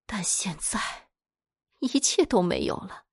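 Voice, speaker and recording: A woman voicing a jealous, tormented young woman who swings between high cries and breathy whispers. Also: wildly swooping pitch, takes it slowly, no echo, clean studio sound, full character voice. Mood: bitter, unhinged.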